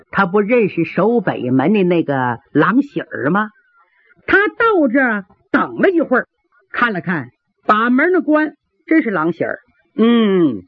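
A woman storyteller spinning a traditional tale with a lively, swooping delivery. Her voice is husky. The recording is dry and thin like a phone line. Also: mid-range voice, no echo. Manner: lively, animated narration.

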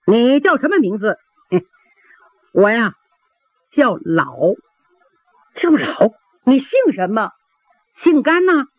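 A sly, arrogant steward, as a woman storyteller puts him on, drawling his words and breaking into overdone wails. The voice is husky and pitched high and lively. The sound is dry and thin like a phone line. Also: a little slow, no room sound, exaggerated voice. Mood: haughty. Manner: haughty drawl, theatrical wailing. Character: cunning male steward, arrogant then wailing.

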